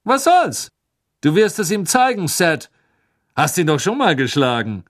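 A man doing a loud, boastful middle-aged father. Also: fairly high pitch, sing-song, measured pace, pitched above the performer's own voice. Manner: loud, pushy.

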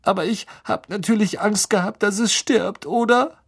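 Brief: man playing weepy teen girl, tragic and shrill, high and loud. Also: normal speed, creaky, husky, full character voice. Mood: sobbing. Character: weepy dramatic schoolgirl.

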